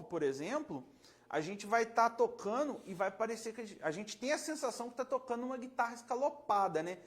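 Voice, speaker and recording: A Brazilian man, a luthier, explaining frets casually in a relaxed, rambling way, demonstrating with his hands and often checking the viewer is following. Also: sits high. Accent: Brazilian Portuguese. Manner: relaxed, rambling, self-correcting.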